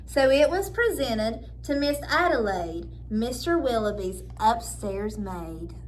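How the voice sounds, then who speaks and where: A woman reading a children's picture book aloud expressively, pausing for simple asides to listeners. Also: on the high side, animated, slight background noise, rough recording.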